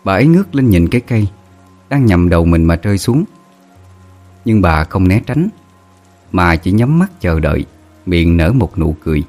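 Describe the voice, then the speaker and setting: A man's voice: low-pitched, sing-song, normal speed, long pauses, a little mellow, faint music behind. Emotive male storyteller. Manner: emotive, dramatic. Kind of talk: scripted narration of a ghost story.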